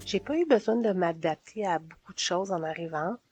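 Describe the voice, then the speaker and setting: Chatty Québécoise woman, low voice. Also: lively intonation, moderate pace, music in the background. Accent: Québécois French. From Quebec. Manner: chatty and sociable, laughs often between phrases. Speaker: interviewee. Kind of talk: casual personal storytelling.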